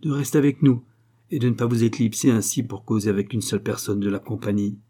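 A man's voice: fairly low pitch, fast, dark tone, natural voice. A man voicing an overbearing baronet who mocks and commands, in a read-aloud novel. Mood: sneering. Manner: mocking, commanding. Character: overbearing, sarcastic baronet with booming voice.

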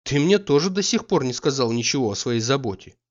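A man's voice: mid-range voice, animated, fairly quick, highs cut off, natural voice. A man voicing a proud, hurt young noblewoman who speaks coolly and with reproach.

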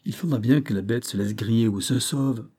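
A man's voice: medium pitch, normal speed, dark tone, husky, natural voice. A man voicing a cautious, worried engineer in an audiobook, protesting in insistent, raised tones. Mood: directing.

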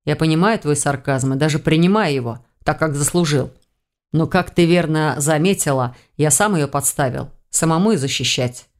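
A woman voicing a calm, composed male healer who speaks quietly and firmly in an audiobook. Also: rumbling low, a little fast, clear, resonant tone, pitched below the performer's own voice.

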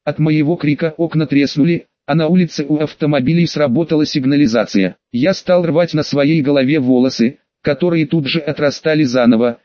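A male audiobook narrator tells a first-person story with an emotional, dramatic delivery. His voice sits a bit high for a man. The sound is dull and lo-fi, and completely dry. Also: a little fast, few pauses, dark tone, dry recording. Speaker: audiobook reader.

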